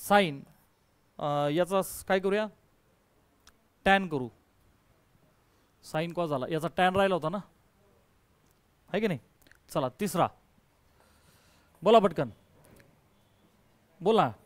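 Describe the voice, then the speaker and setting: A man's voice: sits high, dry recording. A male math teacher giving a call-and-response lesson, coaxing and quizzing his students and mixing in English terms. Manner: coaxing, quizzes students, calls them dear.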